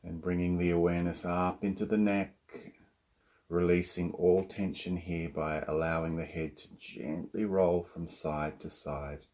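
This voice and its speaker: A male yoga nidra teacher with a low voice talks through a guided relaxation. Each instruction comes slowly and soothingly, separated by long pauses.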